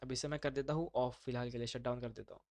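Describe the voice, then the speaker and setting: A man's voice: mid-range voice, fairly even intonation, fast talker, creaky, a little mellow, dry recording. Guy walking his class through a setup on a call, chatty, dry close sound. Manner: casual, brotherly, mixes English terms into speech. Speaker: online class instructor. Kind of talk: live online class walkthrough.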